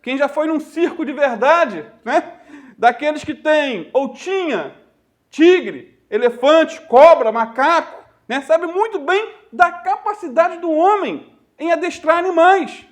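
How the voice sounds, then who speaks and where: A Brazilian man preaching to his congregation in a voice pitched unusually high for a man. He tells stories in a warm pastoral register and calls his listeners dear ones and brothers. He draws out key phrases slowly for weight. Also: animated. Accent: Brazilian Portuguese. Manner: storytelling preacher addressing the congregation as "queridos" and "irmãos"; slows down to stress key phrases. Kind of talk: sermon.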